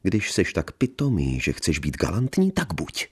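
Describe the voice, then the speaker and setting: A man's voice: sits low, wildly swooping pitch, darkish tone, breathy edge, exaggerated voice. A man voicing a jealous, spiteful young woman with a biting, sarcastic way of talking.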